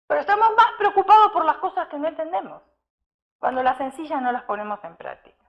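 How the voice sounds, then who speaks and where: A woman preaches a sermon, her voice pitched high. She tells a story and keeps turning questions to her congregation. The recording sounds muffled and lo-fi. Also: big pitch swings, fast. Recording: dull lo-fi sound.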